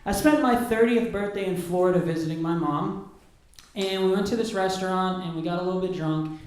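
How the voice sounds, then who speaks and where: A man's voice: sits high, fairly quick. A man in his thirties performing a stand-up comedy set, sardonic and self-deprecating, swearing freely. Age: 30s. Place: comedy club stage. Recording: echoey comedy club room.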